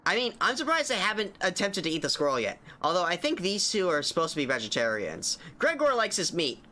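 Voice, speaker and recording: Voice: mid-range voice, very animated, a little fast, bright, forceful tone. A game streamer chatting casually with viewers during a playthrough, making sweary, joking asides.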